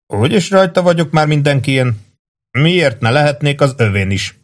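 A man reading aloud and voicing a glum young soldier who answers quietly and sadly. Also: a little high, lively intonation, pitched above the performer's own voice, lightly acted.

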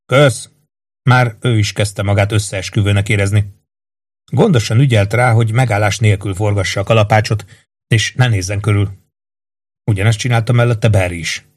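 A man reading a novel aloud in calm, measured narration. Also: on the low side. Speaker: audiobook narrator. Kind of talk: scripted narration.

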